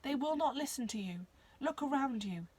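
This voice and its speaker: A woman voicing a weak, ailing noblewoman who speaks formally and gravely. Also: high voice, expressive, moderate pace, voice pushed up.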